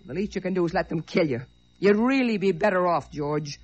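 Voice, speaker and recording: A bitter, scornful wife. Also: female voice, on the low side, lively intonation, fairly quick, darkish tone, faint music behind. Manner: sarcastic, cutting. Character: bitter, scornful woman fed up with her man. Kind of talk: 1940s radio acting. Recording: dull lo-fi old radio recording.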